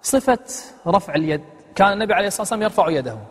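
A man's voice: high voice, expressive, very fast, slightly rough, big-room sound. A man giving a religious lesson on prayer. He poses rhetorical questions and demonstrates the phrases he teaches.

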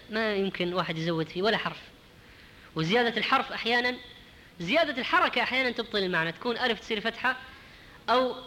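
Fast, bright-voiced male preacher in a hall. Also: sits high. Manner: explanatory, demonstrating pronunciation slowly. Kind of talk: religious lesson.

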